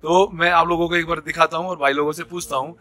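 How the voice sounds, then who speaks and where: A man's voice: a little high, fairly even intonation, quick pace, bright, forceful tone, no room sound. A man in his thirties, a travel vlogger, talking casually into a phone held at arm's length outdoors on a mountain road. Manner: chatty, easygoing, says "bhai" often. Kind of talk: casual vlog talk. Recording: faint outdoor noise.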